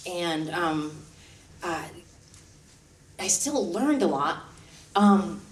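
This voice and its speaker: A woman violinist telling stories from her life in a live one-woman stage show, chatty and self-deprecating, with light laughs. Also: lowish voice. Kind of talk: live stage storytelling monologue. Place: stage before a live audience. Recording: roomy hall, mic at a distance.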